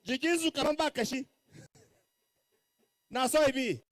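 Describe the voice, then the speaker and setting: A man's voice: very high-pitched, normal speed, no room sound. A Nigerian man giving a rally speech as master of ceremonies, calling out to the crowd from the stage in repeated phrases and slipping into Pidgin.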